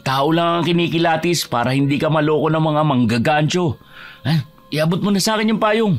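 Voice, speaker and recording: A man's voice: fairly high pitch, a little fast, faint music behind, natural voice. A young man acting as a cocky older brother driving in a storm, boastful, teasing and stubborn. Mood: firm. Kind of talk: horror audio drama acting.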